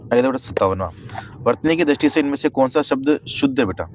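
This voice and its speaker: A man's voice: medium pitch, animated, fast, highs cut off. Hindi guy teaching spelling, keeps saying thik hai sir, faint hum behind. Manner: calls students "beta", repeats "thik hai sir" constantly. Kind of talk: online class lesson.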